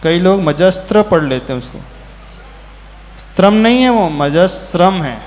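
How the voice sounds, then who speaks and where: A man, a Jain monk, teaching a scripture class, who patiently corrects pronunciation and chants verses in a drawn-out tune. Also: high voice, animated. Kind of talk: slow sermon-style class with chanted verses. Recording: hall reverb with faint ambient noise.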